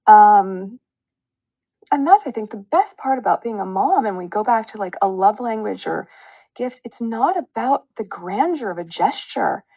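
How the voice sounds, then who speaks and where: A woman's voice: fairly high pitch, expressive, moderate pace, gravelly, breathy edge, dry recording, highs cut off. A woman talking as a podcast guest in a heartfelt, reflective way. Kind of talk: casual podcast chat.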